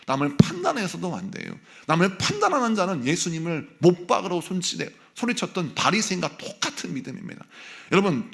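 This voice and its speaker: A male senior pastor delivers a sermon in a church sanctuary. His voice has a gravelly edge, and his pitch swings widely as he preaches. He drives his points home with repeated rhetorical questions to the people in front of him. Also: a bit bright. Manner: emphatic preaching with frequent rhetorical questions to the congregation.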